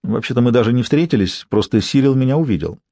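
A cool, educated woman speaks with clipped precision, as a male reader puts her on. Her voice moves in a lively way. The recording is dry. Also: mid-range voice, fast, no echo. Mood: recounting.

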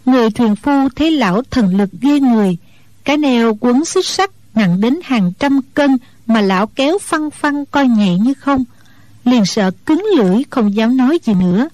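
A woman narrating a martial-arts novel in a steady storytelling voice. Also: on the high side, moderate pace, dry recording.

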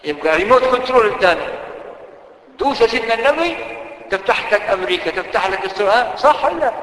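A man with an Egyptian accent delivers a lively sermon, keeps asking his listeners questions, in a high-pitched voice. The sound rings through a large hall with a long reverb tail. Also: rapid-fire. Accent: Egyptian Arabic. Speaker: preacher.

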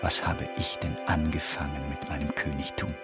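A man's voice: a bass voice, flat delivery, normal speed, over loud music. An actor playing a proud, brooding deposed king in a theatrical, declamatory radio drama style. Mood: wistful, melancholy. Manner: grandiose, declamatory.

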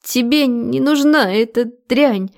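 A woman reading as a shrill, tearful young woman. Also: takes it slowly, gravelly, darkish tone. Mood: pleading. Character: hysterical young woman, lying, desperately clingy. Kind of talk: audiobook character voice.

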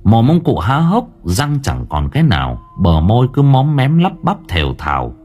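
A man narrating a ghost story in an expressive, dramatic way. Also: mid-range voice, moderate pace, husky. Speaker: audiobook narrator.

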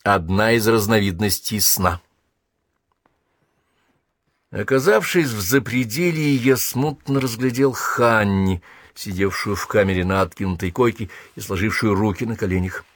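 A man reading a first-person story aloud as an audiobook narrator, measured and even. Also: fairly low pitch, dry recording.

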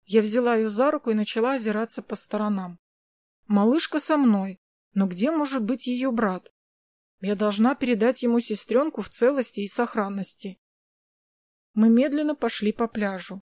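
A woman narrates a story in the first person, her voice fairly high and gentle with a reflective manner. The recording is close and dry, with no room around her. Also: moderate pace, no room sound.

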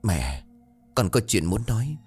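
A man's voice: lowish voice, very animated, unhurried, darkish tone, slightly rough, faint music behind, full character voice. A man voicing a frightened young husband who speaks shakily. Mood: anxious.

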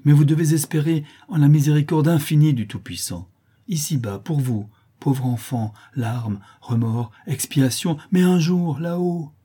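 A man's voice: a little high, measured pace, dark tone, breathy edge, voice pushed up. A man reading the part of an old priest, solemn and consoling, in an audiobook. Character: old priest, grave and sad, kindly.

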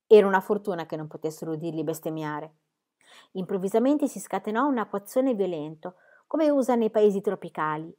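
A woman reading a children's book aloud in a measured, expressive storybook narration. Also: medium pitch.

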